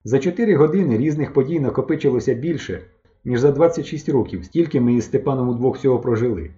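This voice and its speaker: A man narrating an audiobook in an even storytelling manner. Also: medium pitch, quick pace, dull audio.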